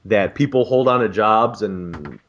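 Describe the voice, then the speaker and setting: A man's voice: on the low side, animated, a little slow, dull audio, slight background noise. A man in his twenties, a graduate student, on a casual podcast, ranting profanely and with exasperation about bureaucracy. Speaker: podcast co-host.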